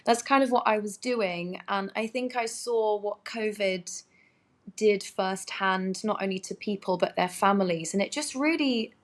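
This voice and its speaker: A woman's voice: medium pitch, a little slow. A woman with a Surrey, Home Counties English accent chatting as a guest in a casual interview, gushing and a little self-effacing. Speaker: interview guest, musical theatre performer.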